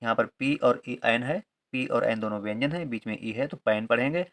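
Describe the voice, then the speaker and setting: Patient man spelling words out slowly. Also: mid-range voice, a bit bright. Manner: patient, repeats each point with a confirming aside. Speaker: teacher. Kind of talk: Hindi-medium English reading lesson.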